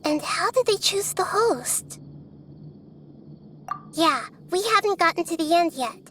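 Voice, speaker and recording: A woman voicing a small, wise young girl deity in an anime video game, speaking in a soft, measured, thoughtful way. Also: very high-pitched, expressive, slight background noise, exaggerated voice. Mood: calm, thoughtful. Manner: measured, explanatory, composed.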